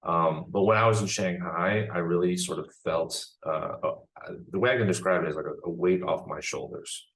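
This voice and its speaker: Very deep-voiced reflective man. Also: fairly even intonation, normal speed, hardly any pauses, fairly bright tone, rough recording. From born in China, raised in the United States. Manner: reflective, many restarts and "like" fillers. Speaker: guest filmmaker. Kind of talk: casual interview answers.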